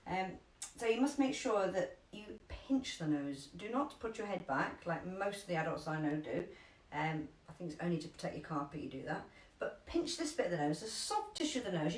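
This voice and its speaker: Female first aid instructor, London accent, chatty, stresses steps slowly; roomy, distant sound. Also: medium pitch. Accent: London English. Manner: chatty, emphatic, repeats key instructions slowly. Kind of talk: live online first aid class. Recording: echoey room, distant from mic.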